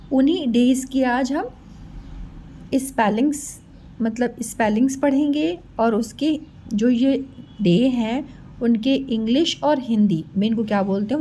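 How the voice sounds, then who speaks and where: Woman, teacher, children's lesson, slow sing-song spelling, high voice. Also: dark tone, a little hiss or hum. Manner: slow, sing-song letter-by-letter spelling, addresses kids as beta.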